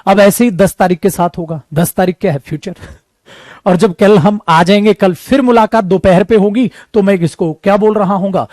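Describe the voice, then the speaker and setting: A man with an Indian accent teaching a grammar lesson to students in a lively way, teasing and scolding them, sometimes slowing into careful English. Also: high-pitched, no echo. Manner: switches into slow English.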